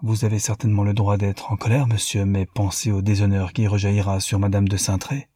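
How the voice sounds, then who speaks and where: A man reading the part of an elderly woman servant, pleading and deferential in manner, husky and dry. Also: on the low side, level tone, fairly quick, warm tone, no echo. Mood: anxious pleading.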